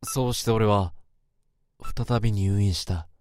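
A man with a lowish, darkish, natural voice narrates in the first person at a measured pace, playing a troubled, introspective young office worker as the story's narrator and lead. His delivery is brooding and anxious, and a little hiss or hum sits under the recording.

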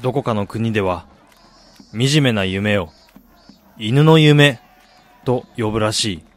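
An actor with a lowish voice takes his time as a weary, disillusioned man back in his dying hometown. This radio drama mixes first-person narration with dialogue, and his delivery is brooding, resigned, and self-deprecating.

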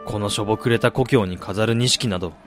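With music in the background, an actor talks a little fast in a low-ish, lightly acted voice. He plays a weary, disillusioned man returned to his dying hometown, in a radio drama of first-person narration and dialogue. The tone is brooding and resigned, with a self-deprecating streak.

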